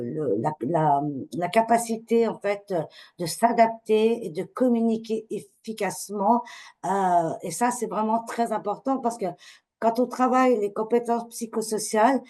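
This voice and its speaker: A woman's voice: medium pitch, mellow. A woman trainer giving a webinar lecture to teachers, hesitant, with many fillers and repeated words.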